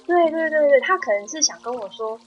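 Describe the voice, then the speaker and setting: A woman's voice: high-pitched, animated, a little fast, highs cut off, soft background music. A woman guest on a talk podcast, telling a personal spiritual story in an earnest, emotional way. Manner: earnest, emotional storytelling with soft-spoken quoted dialogue.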